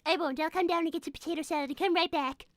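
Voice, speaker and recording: High, prim little rabbit girl. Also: steady tone, racing, no echo. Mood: grateful. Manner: prim, polite, earnest. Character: Cream, young polite anxious girl rabbit. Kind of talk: improvised live cartoon roleplay.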